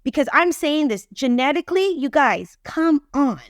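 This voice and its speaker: Speaking a bit high and expressively at a moderate pace, this woman in her 50s is a relationship expert guesting on a podcast. She offers her views in a casual, emphatic manner, repeating phrases to stress points. The studio-quality audio carries no room sound.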